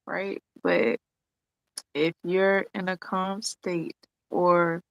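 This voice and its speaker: Gravelly-voiced woman in casual chat. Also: on the low side, drawn-out words, no room sound, muffled recording. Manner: relaxed slangy talk. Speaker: co-host.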